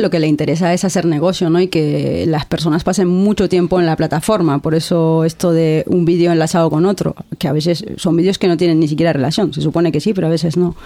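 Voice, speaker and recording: A woman's voice: lowish voice, mellow. A woman from Argentina with an Argentine accent, a guest content creator talking earnestly in a casual interview, often restarting words and adding "¿no?". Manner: earnest, reflective, frequent restarts and filler "¿no?".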